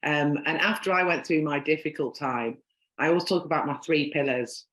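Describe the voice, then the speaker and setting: A low-pitched woman with a Northern English accent hosts a casual podcast interview at a moderate pace, her tone fairly bright. She rambles chattily with lots of "um" and "like," in an echoey space.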